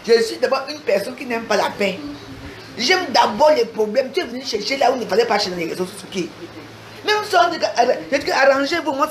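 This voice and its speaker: A woman's voice: fairly high pitch, reverberant. Angry woman ranting on a livestream. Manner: insulting, confrontational, repetitive. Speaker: social media livestreamer.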